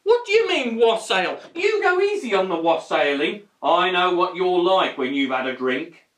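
A woman's voice: lowish voice, sing-song, moderate pace, echoey room, distant mic, a little hiss or hum. A woman playing a nervous, henpecked Macbeth in a comic film, hesitant and whiny. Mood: fretful.

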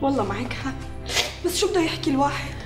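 A soothing caring sister. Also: female voice, high-pitched, animated, racing, over loud music. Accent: Syrian Arabic. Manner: soothing, coaxing sisterly talk. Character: caring young woman comforting her sister. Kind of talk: TV period drama acting.

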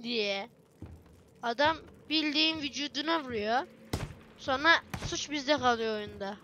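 A woman narrating her own gameplay in a high, bright voice. She chats away excitedly, muttering to herself and calling out to her viewers. A faint hum of background noise sits under the voice. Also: measured pace, dull audio. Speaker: gameplay streamer. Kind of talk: let's play commentary.

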